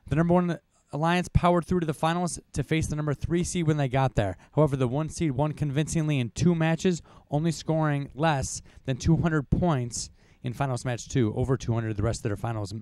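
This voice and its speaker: A man's voice: fairly high pitch, fairly quick, hardly any pauses, a little mellow, no echo. Young man recapping results, dry sound. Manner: reads results from notes, coughs, casual asides. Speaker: co-host. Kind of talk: podcast rankings recap.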